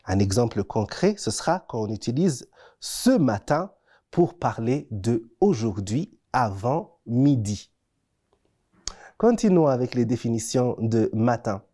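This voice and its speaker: The presenter of an educational French-language TV segment delivers a scripted, explanatory lesson, teaching didactically and stressing key words. The voice is medium-pitched and warm, with big pitch swings and a measured pace.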